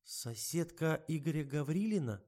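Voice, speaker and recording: A nervous young woman writer, as a male reader puts her on, answers politely and hesitantly. Her voice sits a little higher than the reader's own. It is an audiobook performance. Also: lively intonation, normal speed, mellow. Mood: polite flustered.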